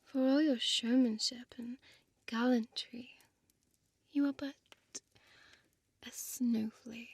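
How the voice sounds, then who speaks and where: Played by a female actress, an elegant, predatory vampire woman whispers seductively, her breathy voice pitched a little high and her tone steady. She speaks very slowly and deliberately in hushed, teasing, possessively formal speech, menacing and alluring in full character. The close, dry studio microphone gives it an ASMR roleplay feel.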